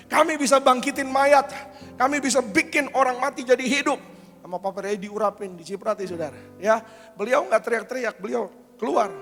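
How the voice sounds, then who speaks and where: A man preaching a sermon as pastor, telling a lively story and leading the congregation in declarations. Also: high voice, long reverb tail. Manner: storytelling, acts out voices of people in the anecdote; calls out to the congregation, leads declarations. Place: large church hall.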